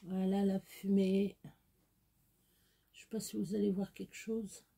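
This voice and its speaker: A woman's voice: mid-range voice, level tone, measured pace, gravelly, dark tone, breathy edge. A woman chatting casually and bluntly into her phone camera at home late at night. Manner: chatty and unfiltered, coos at her pets. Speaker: vlogger. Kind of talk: casual night-time vlog.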